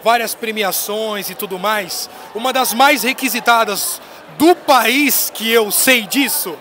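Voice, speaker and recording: A man in his thirties, an excited and playful interviewer, hyping his guest with a handheld mic in a busy indoor expo hall. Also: high-pitched, slow pace, slight background noise. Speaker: interviewer at a trade fair. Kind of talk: casual on-location interview. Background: crowd chatter of the fair.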